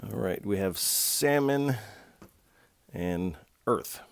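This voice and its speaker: A man giving a tarot card reading, talking gently and reflectively straight to the viewer. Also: on the low side, lively intonation, drawn-out words, creaky, smooth, no room sound. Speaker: tarot reader.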